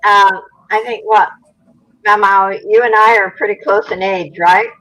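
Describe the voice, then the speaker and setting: A woman's voice: mid-range voice, fairly even intonation, unhurried, pushed and bright, low-quality recording. A woman in her late seventies talking casually as a member of a chat panel. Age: late 70s.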